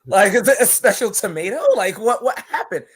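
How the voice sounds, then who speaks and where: A Barbadian wrestler chats casually as a podcast guest, telling animated stories, laughing often and repeating words. His voice sits high with a breathy edge, and he talks a little fast.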